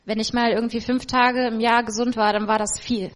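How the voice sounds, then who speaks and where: A woman's voice: on the high side, little pitch movement, a little fast. A woman with children telling her personal faith testimony in an emotional, reflective way. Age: adult with children. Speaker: testimony speaker.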